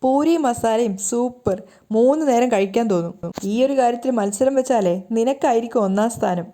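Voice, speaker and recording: A woman's voice: fairly high pitch, moderate pace, warm tone, close to an everyday voice. A woman voicing a teasing, mocking young husband in a storybook retelling.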